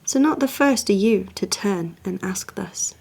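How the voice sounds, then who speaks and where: A woman performs a cold, proud Renaissance duke in a dramatic verse monologue, a poetry reading delivered slowly and measuredly. Her mid-range, expressive, gravelly voice is haughty and insinuating, often hushed, with possessive menace beneath the courtesy.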